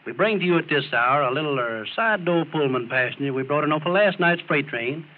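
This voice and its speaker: A man's voice: a little high, animated, a little fast. A man doing folksy, drawling mock radio-announcer patter in a comic skit, heard like an old AM radio broadcast. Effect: tinny AM radio broadcast sound. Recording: tinny lo-fi old record with faint hiss.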